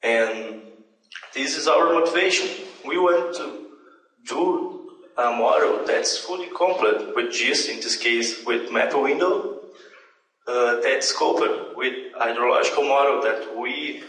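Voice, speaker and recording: A man's voice: medium pitch, a bit bright. A young man from Brazil with a Brazilian Portuguese accent, giving an academic conference talk in English with hesitant fillers and self-corrections. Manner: halting non-native English with frequent fillers and self-corrections. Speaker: conference presenter. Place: large dim lecture hall with a projection screen. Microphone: handheld microphone, heard through room speakers from a distant camera. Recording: echoey hall recorded from far off.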